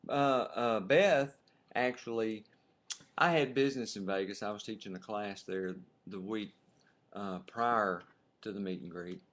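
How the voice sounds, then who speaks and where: A middle-aged man co-hosts a webcam video from home, chatting casually in a lowish, unhurried voice with a fairly bright tone. He's jokey and playful, chuckling often.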